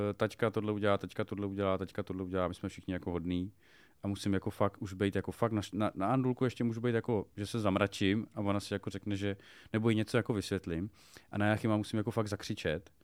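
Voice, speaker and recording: A man's voice: lowish voice, a little mellow, dry recording. A man co-hosting a podcast about fatherhood, blunt and swearing while he tells anecdotes. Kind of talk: casual chat.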